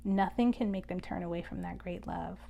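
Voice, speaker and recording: A woman giving an energy reading, speaking in a measured, contemplative way and leading a guided prayer. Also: lowish voice, vocal fry, mellow, slight background noise. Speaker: spiritual reader.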